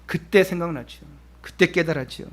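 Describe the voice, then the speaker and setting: A pastor, a man, preaching a Sunday sermon at a church service. He asks the congregation direct questions, and his delivery swings from emphatic lines to hushed, soft phrases. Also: fairly high pitch, moderate pace.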